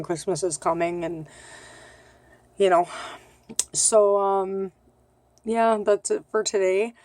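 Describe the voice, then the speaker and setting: A woman in her thirties talks to camera in a loose video-diary way, pausing often with ums and sounding candid and a bit self-conscious. Her voice sits a little low and carries a slight lisp. The sound is dry and close, with no room echo. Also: a little mellow. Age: 30s. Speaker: vlogger.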